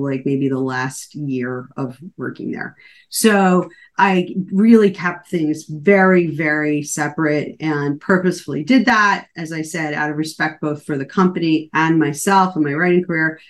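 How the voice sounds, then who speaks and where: Woman in her forties, low-ish voice, relaxed podcast guest who talks around her points with fillers. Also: unhurried. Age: 40s. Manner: conversational, many fillers and restarts. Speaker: guest author. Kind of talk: casual podcast conversation.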